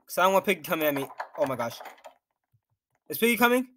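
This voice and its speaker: A man's voice: on the high side, very animated, fast talker, fairly bright tone, slight background noise. A young man commenting nervously on his own gameplay as a YouTuber, talking to himself and reacting to what happens on screen. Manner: jittery, nervous, talks to himself while playing. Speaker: gaming YouTuber.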